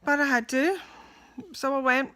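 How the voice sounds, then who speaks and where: A woman's voice: high-pitched, fairly even intonation, normal speed, bright, forceful tone. A young adult woman, talking candidly and tiredly in a casual video diary, exhausted and emotional. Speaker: vlogger.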